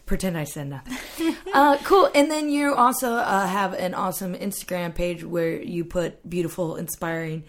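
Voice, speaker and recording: A woman's voice: lowish voice, normal speed, hardly any pauses. A woman in her thirties hosting a podcast, chatty and laughing often. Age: 30s. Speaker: podcast host. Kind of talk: casual interview chat.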